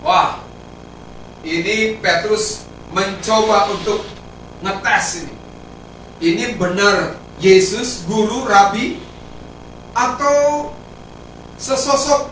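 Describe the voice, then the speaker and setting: A man, preaching a sermon as pastor, emphatic, with sudden rises and drops in pitch and volume. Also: very slow, pauses often, a bit bright, a little hiss or hum. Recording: roomy echo, heard from a distance.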